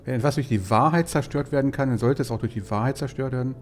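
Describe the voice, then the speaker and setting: A man's voice: mid-range voice, fast. Pensive man doing gaming commentary. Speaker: let's player. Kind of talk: gaming commentary and reading out dialogue choices. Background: game music.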